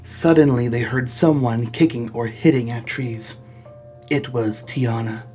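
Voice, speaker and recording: In a comedy video, a man theatrically performs fan fiction and breaks off for mock-indignant, exasperated asides. His mid-range voice is warm and steady, a little slow, over soft background music.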